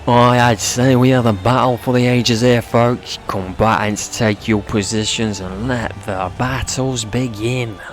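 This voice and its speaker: A man's voice: mid-range voice, fairly even intonation, unhurried, few pauses, slight background noise, lightly acted. A man voicing a bombastic old arena announcer in a video game, with a grandiose, theatrical showman's delivery. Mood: excited commentary. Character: bombastic old male arena announcer, gleefully promoting bloodsport. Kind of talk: video game dialogue read aloud.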